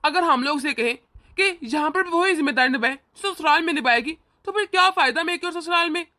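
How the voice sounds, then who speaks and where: A doting older brother reassures and indulges his sister, played by a woman. The voice is high and bright. It is a homemade family drama. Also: a little fast. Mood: indulgent.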